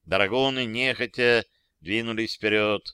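A man narrating a first-person audiobook in a steady, even storytelling voice. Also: fairly low pitch, a little slow, clear, resonant tone, no room sound.

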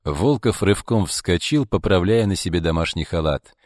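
Deep-voiced male audiobook narrator. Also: animated, moderate pace, darkish tone, dry recording, studio quality. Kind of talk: scripted narration.

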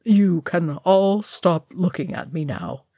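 Woman reading as gruff male dwarf king; growled commands, slow, dry booth-like sound. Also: lowish voice, warm tone, dry recording. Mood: snarling.

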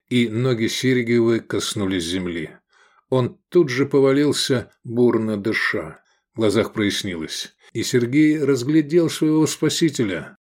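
A man narrating an audiobook with a steady, measured delivery. His voice sits at an average pitch for a man. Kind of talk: scripted narration.

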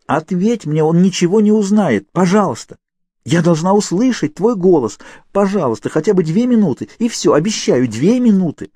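A man voicing a desperate, defiant young woman held captive, shouting and pleading insistently. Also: on the high side, very animated, racing, few pauses, no room sound, voice pushed up. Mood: urgent pleading.

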